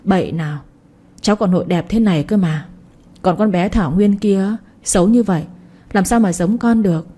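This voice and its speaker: A woman's voice: mid-range voice, normal speed, warm tone, husky, natural voice. A woman playing a cruel old grandmother. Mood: coaxing. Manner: scornful, cutting. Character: scheming old grandmother, sharp-tongued and cruel.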